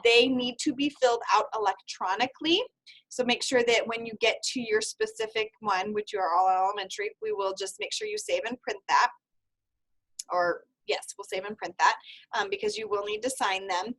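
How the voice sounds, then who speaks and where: A woman in her thirties leading an online seminar over a video call, giving brisk, friendly, step-by-step instructions. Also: medium pitch, fairly bright tone, rough recording. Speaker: university field experience coordinator. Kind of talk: online seminar presentation with screen sharing.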